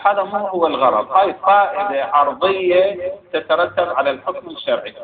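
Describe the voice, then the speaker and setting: A man with an Iraqi accent giving a seminary lecture, reading passages aloud and explaining them with frequent hesitations. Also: a little high. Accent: Iraqi Arabic. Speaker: religious studies teacher. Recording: phone-like echoey recording with crowd.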